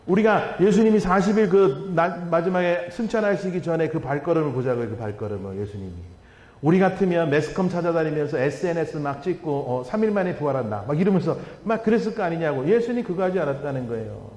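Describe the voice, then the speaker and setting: A man's voice: on the high side, animated, fast, a little mellow. A middle-aged male guest pastor preaching a revival sermon, telling stories with quoted dialogue and rhetorical questions. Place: church sanctuary. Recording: echoey hall sound.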